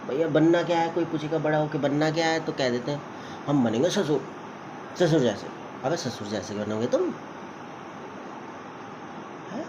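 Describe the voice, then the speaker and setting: A man's voice: a little high, lively intonation, normal speed, long pauses. A comedian vlogger doing a comic rant, mocking and lecturing as he talks straight to women. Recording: slightly muffled with faint background noise.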